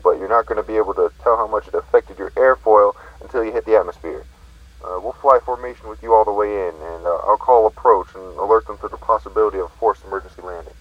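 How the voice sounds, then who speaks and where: An actor playing a calm male fighter pilot speaking over a radio link in an audio drama, with easygoing radio chatter. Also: on the low side, dry recording. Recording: dry, tinny radio line.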